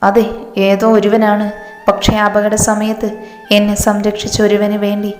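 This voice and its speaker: A woman's voice: medium pitch, monotone, a little slow, close to an everyday voice. A woman reading a tearful, fearful young woman. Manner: strained, pleading. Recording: roomy reverb with faint music.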